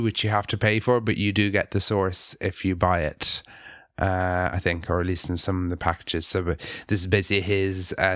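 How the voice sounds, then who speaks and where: A man with a lowish voice chats casually on a tech podcast, explaining things haltingly, full of ums, false starts and repeated words. The sound is dry and close, with no room around it. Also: fairly bright tone, dry recording. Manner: hesitant, many ums and restarts. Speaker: podcast co-host, app developer.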